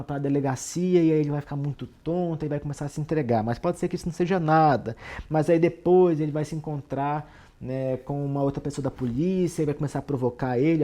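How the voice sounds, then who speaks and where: Mellow-voiced Brazilian man explaining a novel. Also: medium pitch. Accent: Brazilian Portuguese. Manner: conversational, often ends with tag questions, frequent restarts. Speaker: literature commentator. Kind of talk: casual explanatory book discussion.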